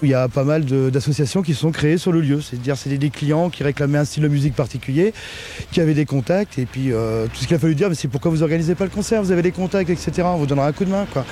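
A man's voice: fairly high pitch, racing, dark tone, faint music behind. A man giving a spontaneous interview in an archive report recorded on location. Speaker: interviewee at a café-concert. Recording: noisy archive reportage with vehicle ambience.

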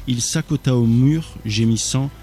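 A man reading a thriller aloud as narrator, steady with small slips. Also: medium pitch, measured pace, soft background music.

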